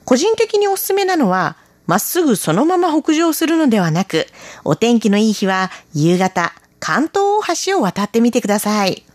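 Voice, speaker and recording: A woman presenting a radio travel segment, gently explaining a sightseeing spot and giving friendly recommendations. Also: fairly high pitch, no echo. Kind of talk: scripted travel narration.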